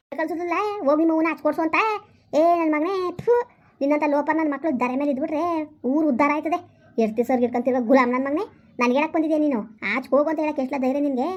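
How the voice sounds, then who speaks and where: An actor playing a fiery old village mother who scolds her grown son in a rapid, cursing tirade, in a rural comedy skit. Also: sits high, lightly acted. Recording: dull lo-fi recording.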